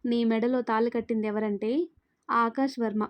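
A woman's voice: on the high side, flat delivery, normal speed, natural voice. A woman voicing an angry young man, a fierce protective hero in a spoken story, threatening and furious. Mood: reassuring.

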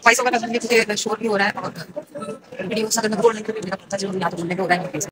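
A woman's voice: medium pitch, quick pace. A woman in her thirties chatting enthusiastically as she films a walking-tour vlog on a phone held at arm's length inside a large shopping mall. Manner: chatty, enthusiastic, narrating sights. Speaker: vlogger. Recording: noisy phone audio in busy mall. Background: mall crowd chatter and noise.

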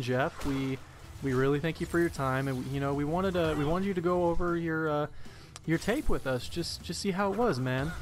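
A young man doing jokey, rambling let's-play commentary as channel host. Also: mid-range voice.

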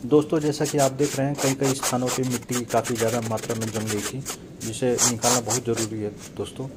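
Young male gardening vlogger, plain even delivery, casual narration, outdoor birds behind. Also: mid-range voice, a little fast, noisy background. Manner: addresses viewers as friends, steady explanatory tone. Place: rooftop terrace garden outdoors.

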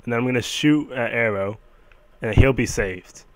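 Mafia boss played by a man, mid-pitched, offhand and halting, casually threatening, improvised game skit. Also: a bit bright, dry recording, close to an everyday voice, poor audio. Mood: casually taunting. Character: casually menacing male mafia boss hunting his money. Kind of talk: amateur improvised game role-play.

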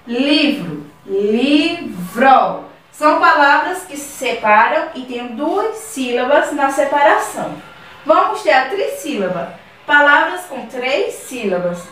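A woman with a Brazilian Portuguese accent, a primary school teacher giving a recorded class to children, explaining slowly and repeating words syllable by syllable. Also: high-pitched, sing-song, bright, forceful tone, a little hiss or hum. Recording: very echoey room, voice from far off.

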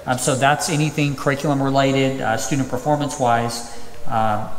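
Standing at a podium in a big, empty auditorium, a man in his thirties presents items at a school district public hearing, often filling pauses with ums and uhs. He talks at a normal pace in a medium pitch that barely moves. The podium mic captures an echoey room with far-off reverb.

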